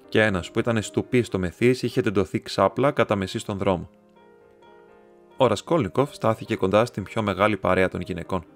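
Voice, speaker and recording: A man narrating an audiobook in a steady, measured storytelling manner. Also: lowish voice. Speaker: audiobook reader. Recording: soft instrumental music underneath.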